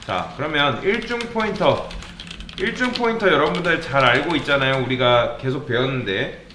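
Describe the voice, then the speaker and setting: A man's voice: medium pitch, animated, normal speed, bright, forceful tone, roomy sound, a little hiss or hum. A man teaching a programming lesson, asking the viewers questions and then answering them himself. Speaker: programming instructor. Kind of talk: coding lecture with questions to viewers.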